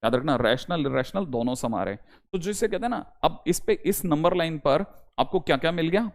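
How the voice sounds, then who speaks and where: Man, young adult, maths teacher, online lecture, slightly high voice, repeats reminders. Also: animated, a little fast. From India. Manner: repeats reminders to students, switches between Hindi and English.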